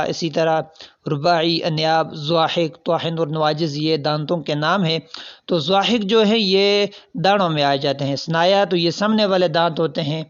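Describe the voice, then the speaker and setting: A man with a fairly high voice works through past exam questions, reading out every option before he explains the right answer. His explanations are patient and step by step. The recording sounds dull and lo-fi. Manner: reads out options, then explains each answer. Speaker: teacher.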